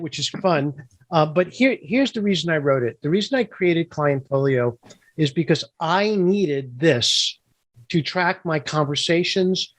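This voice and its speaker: Man, podcast guest, confident and upbeat, fairly high pitch, dry recording. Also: no room sound. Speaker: guest, software founder. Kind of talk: interview explanation.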